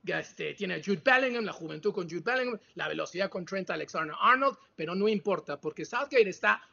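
A man from Peru argues football on a video call, emphatic and exclamatory, sometimes dropping English phrases. His voice sits high and bright. The call audio is dull and lo-fi. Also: lively intonation, fairly quick, gravelly. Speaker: football analyst. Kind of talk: casual sports debate. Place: home room.

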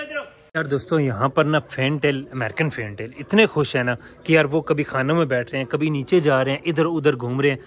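A man vlogging about his pet birds and animals, chatting casually to viewers and coaxing the animals, repeating "yaar" constantly. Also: mid-range voice.

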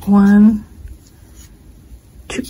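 A young woman, slightly hoarse, teaching a step-by-step crochet tutorial and counting her stitches aloud as she works. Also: medium pitch, drawn-out words, rough recording. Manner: calm, talks while working, counts stitches aloud. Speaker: crochet instructor.

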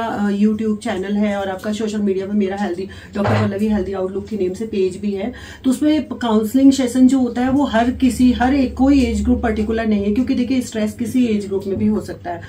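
A woman's voice: mid-range voice, fairly even intonation, brisk, few pauses, mellow. A woman doctor and health officer answering interview questions, explaining patiently with frequent hesitations. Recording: distant mic with faint noise.

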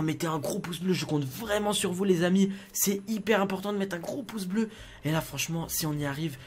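A young man giving live gameplay commentary in a roleplay, playing a father. He keeps talking to his viewers and swings from hushed whispers to loud, excited shouting. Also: a little high, a little hiss or hum. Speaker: gaming YouTuber playing a father in Minecraft roleplay.

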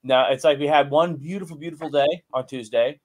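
A man's voice: fairly high pitch, a little fast. A man co-hosting a show, chatting casually and telling easygoing stories. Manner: relaxed, chatty storyteller. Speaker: co-host. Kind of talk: casual chat.

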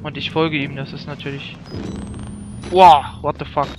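A man's voice: fairly high pitch, monotone, a little fast, a little hiss or hum. A man giving jokey, self-mocking running commentary while playing a game, yelping when startled. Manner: yelps and shouts when startled. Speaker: let's play gamer. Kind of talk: let's play commentary.

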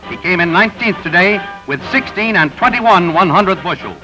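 A man reading scripted newsreel narration in a brisk announcer delivery, heard through an old 1930s newsreel soundtrack. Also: sits high, expressive. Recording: dull lo-fi 1930s newsreel with music. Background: music bed.

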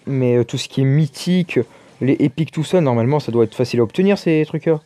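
A man's voice: mid-range voice, fast, dark tone, no echo. A man giving casual, chatty commentary over his own gameplay, exclaiming and muttering to himself as he plays. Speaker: gaming YouTuber.

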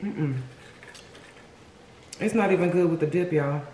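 A woman's voice: lowish voice, fast talker, dark tone. A woman chatting casually to viewers as a mukbang host, talking between bites and humming as she tastes. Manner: eating while talking, with savouring mm sounds. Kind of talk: casual food-tasting chat to viewers. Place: indoor room at home, seated at a table. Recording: roomy echo with background noise.

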